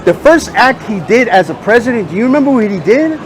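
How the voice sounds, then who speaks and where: A man's voice: high-pitched, very animated, fast talker, slight background noise. A man interviewing a stranger on the street in casual talk, pressing with questions and dropping in Spanish phrases.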